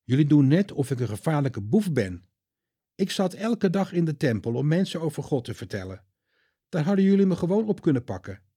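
A man voicing Jesus as a calm, gentle but firm adult man in a storybook reading. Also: a little high, husky, pitched above the performer's own voice. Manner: measured, gentle, sometimes stern.

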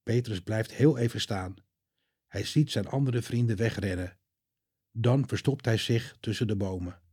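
A man telling a children's Bible story in a calm, clear way. His voice is mellow and slightly husky, and the recording is dry and close with no room sound. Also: on the low side, unhurried, no echo.

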